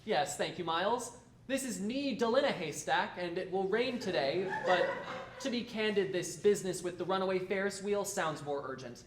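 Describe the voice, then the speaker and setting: A woman playing a blunt, deadpan TV weather presenter in a comedy sketch. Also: on the low side, moderate pace, lightly acted. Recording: roomy, noisy.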